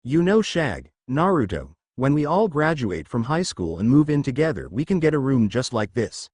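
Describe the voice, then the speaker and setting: A man's voice: medium pitch, sing-song, normal speed, a little mellow, husky, no echo. Brief: upbeat teen leader, matter-of-fact, dry close sound, read by a man. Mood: cheerful. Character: upbeat teen boy leader, eager planner.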